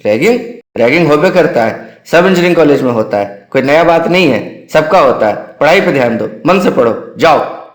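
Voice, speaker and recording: A man's voice: fairly high pitch, lively intonation, normal speed, close to an everyday voice. A man voicing a dismissive middle-aged father who lectures his son brusquely on the phone. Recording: roomy echo.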